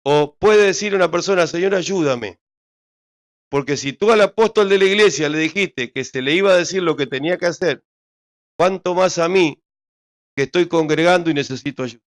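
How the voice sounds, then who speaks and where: A man's voice: on the high side, brisk. A man preaching a sermon as pastor, retelling scripture in a conversational way and speaking straight to his congregation.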